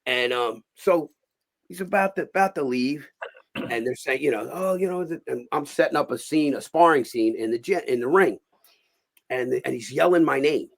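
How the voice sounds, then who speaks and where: Gravelly Philly man telling stories. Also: medium pitch, moderate pace. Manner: animated, profane, acts out quotes. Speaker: show host telling boxing stories. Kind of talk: casual storytelling.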